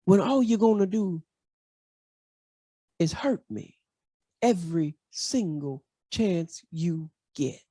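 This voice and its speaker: Slow, emphatic preacher with a dry sound. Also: mid-range voice, mellow, slightly rough, no room sound. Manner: emphatic preaching with rhetorical questions and repetition. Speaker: pastor. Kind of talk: sermon. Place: church.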